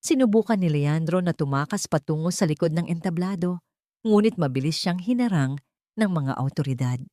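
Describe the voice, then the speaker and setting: With a Filipino accent, a woman tells a dramatic audio story in the first person, her voice animated, brisk and mellow. She goes higher and louder whenever she voices the characters' dialogue, and the recording is dry and studio quality.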